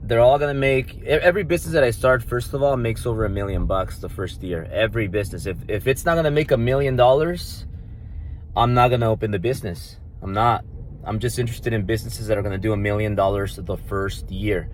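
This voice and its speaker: A native Spanish speaker in his thirties with a Mexican Spanish accent, this vlogger and entrepreneur brags casually, swearing and repeating himself in a brash, swaggering style. His voice is on the low side and a little fast, with slight background noise.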